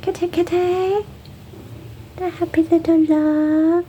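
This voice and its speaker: A woman with a high, slow voice coos gentle baby talk to her cat at home, slipping often into soft whispers. The recording carries a steady noisy hiss behind her. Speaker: cat owner.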